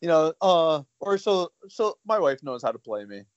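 Young guy, kinda high voice, jokey and chatty, dull dry recording. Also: very animated, normal speed, no room sound. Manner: jokey, chatty, laughs easily. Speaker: guest artist. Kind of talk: casual chat.

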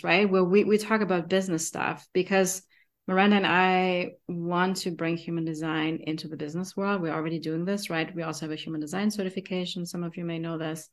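A woman with a German accent co-hosting a podcast, chatting in an enthusiastic, conversational way and often tagging sentences with "right?". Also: mid-range voice. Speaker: podcast co-host. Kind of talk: casual podcast chat.

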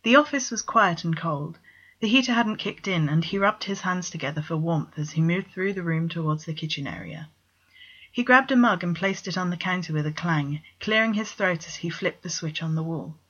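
A woman with a lowish voice reads a story aloud at a steady, even pace. The recording sounds dull and lo-fi, with the top end muffled. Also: moderate pace, breathy edge. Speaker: narrator. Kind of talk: scripted story reading.

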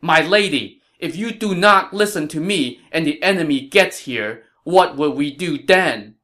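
A man's voice: medium pitch, measured pace, a bit bright, lightly acted. A man doing a loyal, urgent general. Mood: stern urgent. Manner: earnest, urgent, stern when pressed.

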